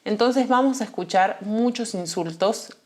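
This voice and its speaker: A woman speaking with an Argentine accent, teaching a language lesson at a measured, explanatory pace. She is patient and clear, and she slows down to repeat the words she wants to stress. Her pitch sits in a middle range. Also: darkish tone. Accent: Argentine Spanish. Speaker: Spanish teacher.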